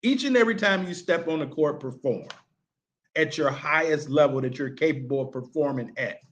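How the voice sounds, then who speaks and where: Speaking at normal speed in a slightly high voice, a basketball coach talks casually and colloquially to sports parents to motivate them, repeating rhetorical questions to drive points home. The audio sounds dull.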